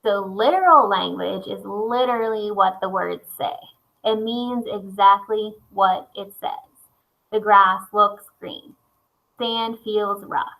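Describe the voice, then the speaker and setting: A woman's voice: mid-range voice, slow pace, creaky, a bit bright, rough recording. A young woman teacher explaining a lesson step by step in a patient way and reading examples aloud. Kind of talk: recorded classroom lesson.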